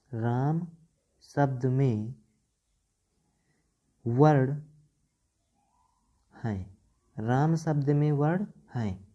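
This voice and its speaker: Slow, dark-voiced man teaching grammar. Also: mid-range voice. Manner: slow, repeats syllables and checks "ठीक" often. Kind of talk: Hindi grammar lesson at a board. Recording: dull lo-fi sound.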